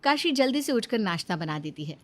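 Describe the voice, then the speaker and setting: A woman narrating a scripted cartoon story in an even, clear storytelling manner. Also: on the high side, brisk.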